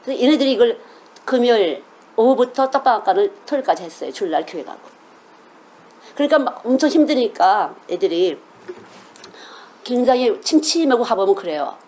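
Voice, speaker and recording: A woman's voice: a little high, lively intonation, brisk, pauses often, a little mellow. A middle-aged woman preaching a sermon as a children's missionary, earnest and emphatic, often asking her listeners questions.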